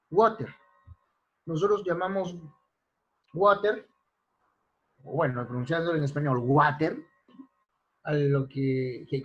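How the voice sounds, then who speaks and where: A man's voice: fairly high pitch, lo-fi sound. A man teaching an online spelling class, listing example words one by one and checking in with his students. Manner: slow, deliberate, lists examples and checks in with "¿ya?". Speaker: language teacher. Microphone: computer mic in an online class.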